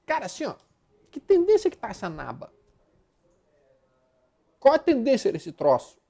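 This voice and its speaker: Man, Brazilian Portuguese accent, market analyst, blunt and slangy, warm mellow tone. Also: very high-pitched, normal speed, vocal fry. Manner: blunt, animated, slangy, swears, repeats words rhythmically. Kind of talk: live market commentary over charts.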